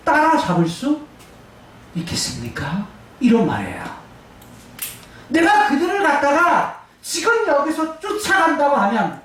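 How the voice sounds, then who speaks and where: A woman pastor preaching a sermon, drawing out emphatic phrases and calling for answers from the congregation. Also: fairly high pitch. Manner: call-and-response with congregation, drawn-out emphatic phrases. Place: church sanctuary. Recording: very echoey church hall, distant mic, faint room noise.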